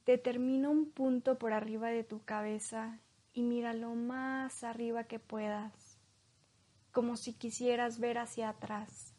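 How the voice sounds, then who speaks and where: Slow hypnotist woman, very unhurried, even tone. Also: on the high side. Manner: slow, soothing hypnotist delivery with long pauses. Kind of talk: slow guided hypnosis induction.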